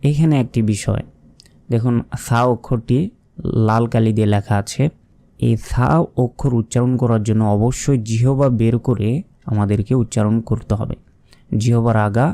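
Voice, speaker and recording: Male Quran teacher with a Bangladeshi Bengali accent, warm and clear, drills each letter patiently. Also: medium pitch. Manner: patient, repeats each letter sound slowly. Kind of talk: step-by-step recitation lesson.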